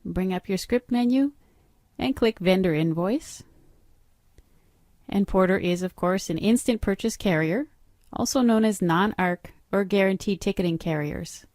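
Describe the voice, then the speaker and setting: The clean studio recording has no room sound as a middle-aged woman narrates a screen-recorded training walkthrough. A software trainer with a mid-range, a little mellow voice, she explains each step at a measured pace in a matter-of-fact way.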